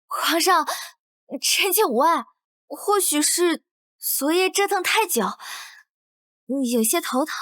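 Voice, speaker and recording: An actress playing a young imperial consort in a costume drama, with coy, deferential courtly speech. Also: female voice, extremely high pitch, expressive, slow pace, long pauses, fairly bright tone, no echo, studio quality, exaggerated voice. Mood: composed, deferential. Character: young imperial consort, coaxing, sweet and secretly scheming.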